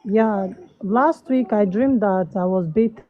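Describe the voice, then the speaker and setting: A woman's voice: mid-range voice, a little slow. A woman speaking politely and hesitantly as a caller on a remote line. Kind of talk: hesitant, polite call-in conversation. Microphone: remote call, dry sound. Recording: dull, lo-fi call audio.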